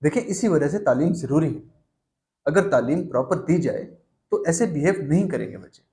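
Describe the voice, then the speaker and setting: A man hosting a mock interview in a comedy sketch, speaking in a measured, formal way that turns stern when he scolds his guest. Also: on the high side, animated, warm tone. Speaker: host.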